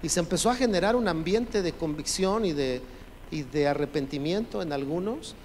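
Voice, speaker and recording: A man's voice: a little high, animated, normal speed, darkish tone. A man preaching a sermon as pastor, emphatic and urging the congregation to repeat his phrases. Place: church sanctuary. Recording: long reverb from a church hall, faint noise.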